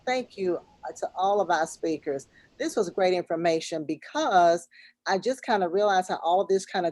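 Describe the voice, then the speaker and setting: A woman's voice: lowish voice, darkish tone, dry recording. A woman hosting a children's class on a video call, informal and instructive, repeating her directions. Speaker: host of a virtual children's class.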